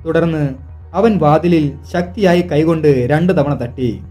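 A man narrating a tense hunting story in a suspenseful, hushed storytelling manner. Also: fairly high pitch, unhurried. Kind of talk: dramatic scripted narration. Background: soft background music.

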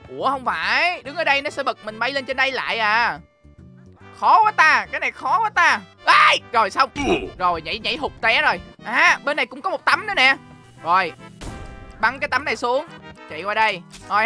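A young man with a Southern Vietnamese accent rattles through let's-play commentary at a rapid clip. His voice is bright and tense, and he keeps up an excitable, teasing patter with his viewers while faint game music plays underneath. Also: extremely high pitch. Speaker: gaming YouTuber.

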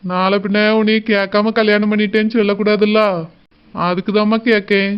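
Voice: mid-range voice, little pitch movement, a little fast, clear, resonant tone, lightly acted. An earnest young village man with a Kanyakumari Tamil accent, speaking plainly. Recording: dull lo-fi sound with faint noise.

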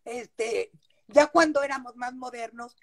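An older woman with a Mexican Spanish accent and a noticeably high voice tells stories from her childhood. She speaks warmly and nostalgically, often affirming what she says. The audio comes from a video call made at home. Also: measured pace, gravelly. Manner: warm nostalgic storytelling with frequent affirmations. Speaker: interview guest, actress. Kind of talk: casual reminiscing.

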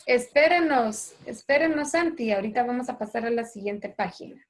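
A woman primary school teacher with a Honduran Spanish accent, teaching a children's online class slowly and clearly and calling the pupils by name. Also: fairly high pitch, lively intonation, slight background noise. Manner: patient, slow and clear, calls children by name. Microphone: video call.

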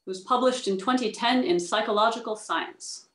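Her fairly high, fairly bright voice moves at a normal speed as she formally reads research papers and handles panel questions. She's joining a video call on a tablet from an indoor room, where the audio comes across roomy.

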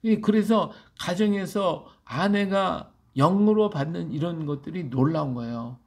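A man's voice: high voice, expressive, unhurried, husky. A man preaching as a pastor, reading scripture aloud and explaining it, often asking his listeners "예?" to pull them along. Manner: emphatic, asks the congregation "예?" for agreement. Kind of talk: Bible reading with sermon commentary.

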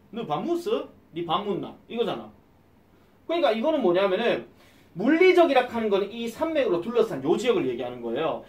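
A male English teacher, giving an exam-prep lecture and quizzing his students with quick questions. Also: high-pitched, echoey room, recorded from a distance.

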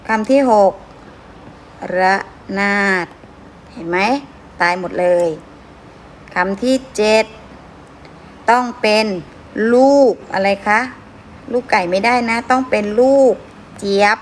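A woman's voice: mid-range voice, slight background noise. A woman teacher going through worksheet answers with her pupils, sounding out words syllable by syllable and often asking whether they follow. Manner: drawn-out syllable-by-syllable reading, frequent checking questions. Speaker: schoolteacher.

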